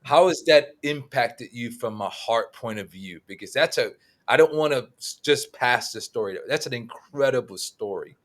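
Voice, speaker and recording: A man's voice: mid-range voice, expressive, normal speed. A man co-hosting a casual webinar interview, encouraging and probing his guest. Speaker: co-host.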